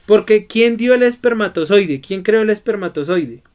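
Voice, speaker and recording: A man's voice: sits high, expressive, normal speed, darkish tone. A man teaching a Bible study lesson who keeps asking his students questions and prompting their answers.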